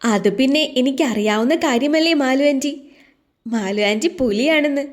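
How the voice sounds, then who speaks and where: A woman's voice: high voice, normal speed, natural voice. A woman voicing a cheeky young woman who teases with mock innocence. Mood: teasing.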